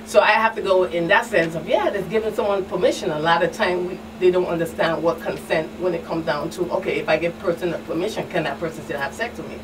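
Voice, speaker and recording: A woman with a Caribbean accent, a community outreach specialist appearing as a guest expert on a talk show, animatedly retells exchanges and repeats phrases. Her fairly low voice holds a steady tone, moving fast with few pauses. The mic is distant, and background noise is clearly audible.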